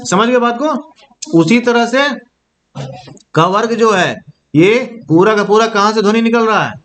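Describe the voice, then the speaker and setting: With an animated, high, slightly bright voice at a measured pace, a young man runs a classroom-style Hindi grammar lesson. He sounds out each item to demonstrate and keeps checking on his students' understanding.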